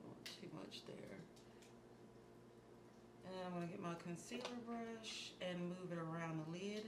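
A beauty vlogger in her thirties, a bit hoarse, leads a makeup tutorial in a calm, instructive voice that is fairly low and a little slow, fading toward a murmur as she works. She sits against a plain wall in a small indoor room that sounds echoey, with a steady hiss underneath.

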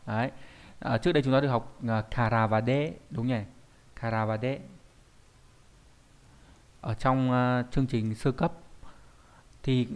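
A man's voice: mid-range voice, fairly even intonation, measured pace, long pauses, clear, resonant tone. A man teaching an online Japanese grammar lesson, explaining patiently, thinking aloud with fillers and often asking his students whether they follow. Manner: explains patiently, often checks with "đúng không?".

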